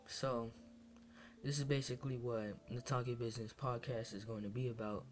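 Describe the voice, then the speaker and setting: Young man, podcast host, casual rambling monologue, lots of ums and restarts, low energy, soft guitar underneath. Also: little pitch movement, moderate pace. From Massachusetts, USA. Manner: rambling, hesitant, many fillers and restarts.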